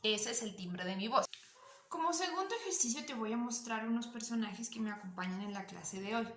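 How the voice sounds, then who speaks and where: A woman with a slightly nasal, high voice teaching a drama class, explaining and asking the listener questions. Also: expressive, brisk, fairly bright tone, echoey room, a little hiss or hum. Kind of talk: online voice lesson.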